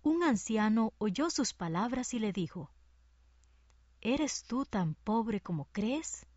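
A woman reading a fable aloud in a soft, measured way. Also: on the high side, expressive, no echo. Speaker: story reader. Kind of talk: scripted narration of a fable. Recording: distant, dull lo-fi recording.

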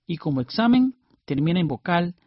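Man, very animated pitch, explains rules step by step, dry lo-fi radio. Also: moderate pace, no echo. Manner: explains spelling rules step by step, lively delivery. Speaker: co-host playing the student. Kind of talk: scripted educational radio dialogue.

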